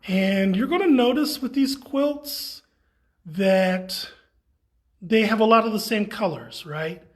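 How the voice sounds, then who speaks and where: A man's voice: high voice, takes it slowly. A man speaking casually as a tour guide, showing visitors around. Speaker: exhibit tour guide and co-curator. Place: indoor art gallery. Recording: echoey indoor room.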